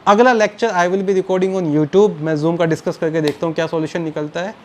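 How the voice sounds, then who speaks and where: A man teaching a biology lecture to students, mixing Hindi and English and slowly repeating key terms, fondly calling them children. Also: high-pitched, steady tone, a little hiss or hum. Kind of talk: recorded online lecture.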